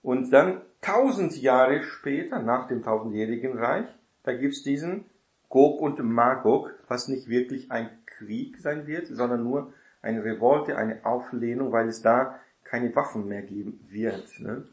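A man teaching a Bible study in a casual lecture style, often adding a quick tag question to check that listeners follow. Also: medium pitch, echoey room.

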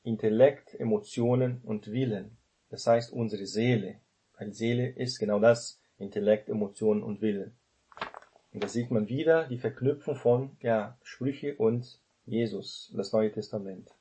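A man's voice: lowish voice, fairly even intonation, measured pace, dark tone. A man giving an informal Bible study talk, explaining verses conversationally with many filler tags and restarts. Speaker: Bible teacher.

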